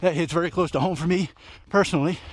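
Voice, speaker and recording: A man's voice: fairly high pitch, fairly even intonation, fast, no room sound. Out-of-breath man vlogging while running. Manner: talking while running and walking, breathy short phrases. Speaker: book reviewer vlogger. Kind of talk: casual book recap vlog recorded on a run. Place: outdoors at night.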